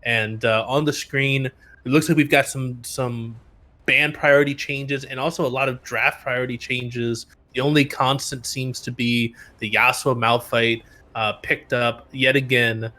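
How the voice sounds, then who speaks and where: A man's voice: medium pitch, fairly even intonation, a little slow, pushed and bright. A man casting an amateur esports final, explaining drafts steadily while his voice tires. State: voice tiring. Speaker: esports caster. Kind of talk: play-by-play casting.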